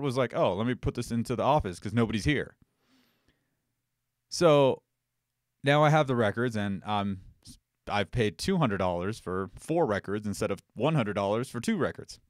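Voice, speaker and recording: A man's voice: mid-range voice, no room sound, studio quality. A man hosting a live-stream Q&A, chatting loosely and getting heated and swearing as he rambles. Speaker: host.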